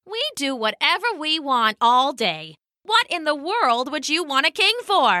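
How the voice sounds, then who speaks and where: A warty frog lady in a storybook, sarcastic and skeptical, her voice pitched up and lively, as a woman reads her. She keeps a bright, sharp edge on every retort. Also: no echo, clean studio sound, full character voice. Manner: sarcastic, quick and high.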